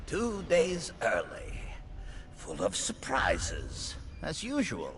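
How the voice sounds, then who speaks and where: Posh villain, slow theatrical menace. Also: male voice, mid-range voice, huge pitch swings, a bit bright, slight background noise, exaggerated voice. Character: sinister posh royal spymaster, coldly deferential man. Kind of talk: video game voice acting.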